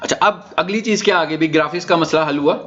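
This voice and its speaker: A man with a Pakistani accent and a fairly high, fairly bright voice moves at a quick pace while lecturing informally as a digital marketing trainer. During the orientation session he explains topics and checks in with rhetorical questions, and the audio comes across dull and lo-fi.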